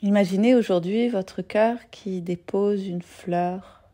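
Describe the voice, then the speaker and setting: A woman yoga nidra teacher with a mid-range voice leads a guided meditation. She speaks gently and softly, in a soothing way, leaving long pauses.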